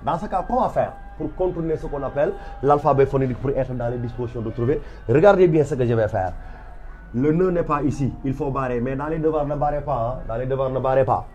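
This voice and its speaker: A man's voice: mid-range voice, quick pace, darkish tone, lo-fi sound. A man with a Senegalese French accent teaching a literature lecture, walking students through examples step by step and stressing each point over and over. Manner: emphatic and repetitive, stepping through examples.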